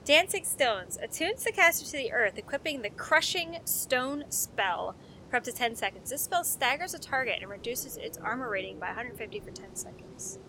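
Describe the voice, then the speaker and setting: A woman's voice: a little high, lively intonation, normal speed, background noise. A young woman doing let's play commentary, sarcastic and joking, reading game text aloud and swearing now and then. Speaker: gameplay streamer.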